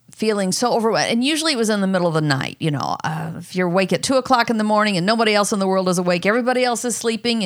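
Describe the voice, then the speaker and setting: A middle-aged mother speaking candidly in a personal conversation, telling her own story earnestly and jumping high in pitch when she quotes herself. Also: gravelly.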